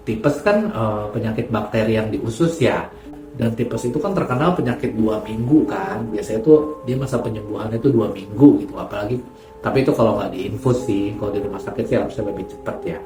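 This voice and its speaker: A man's voice: medium pitch, a little mellow. A man hosting a horror story channel, chatting casually and addressing his listeners directly. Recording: echoey room, faint music.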